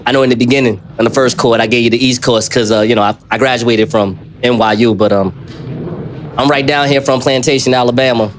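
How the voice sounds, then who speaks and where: A brash TV judge who brushes everyone off and rambles on, played by a man in a comedy courtroom skit. The voice sits mid-pitched with a faint hiss underneath. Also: fairly even intonation, fairly quick, close to an everyday voice. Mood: bossy. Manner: blustering, dismissive, rambling. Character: brash loudmouthed male TV-style judge. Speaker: podcast co-host.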